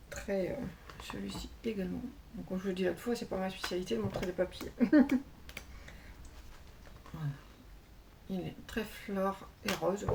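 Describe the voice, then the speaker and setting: A woman's voice: medium pitch, creaky, far from the mic, noisy background. Chatty woman with hesitant fillers. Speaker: crafting YouTuber. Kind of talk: casual show-and-tell haul.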